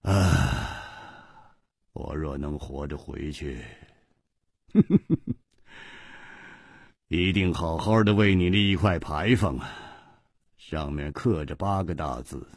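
A male storyteller voicing a cold, sarcastic swordsman in a low, quiet, sneering voice. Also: dry recording, clean studio sound, full character voice.

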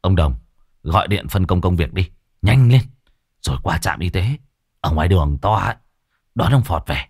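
A man voicing a calm, level-headed young man who speaks in a measured, matter-of-fact way in a ghost story. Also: sits low, breathy edge, no room sound, studio quality, pitched below the performer's own voice, heavily acted.

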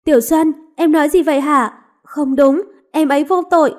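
A proud young princess pleads and defies in turn, voiced by a woman narrator. Her voice is high and impassioned, full of grief. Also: normal speed, dark tone, lightly acted. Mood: defiant.

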